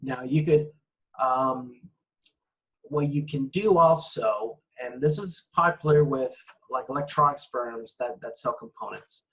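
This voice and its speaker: Unhurried and somewhat bright, a man's mid-range voice walks through screen-shared slides in an informal online lecture, explaining things conversationally and checking in often. It's a low-quality recording.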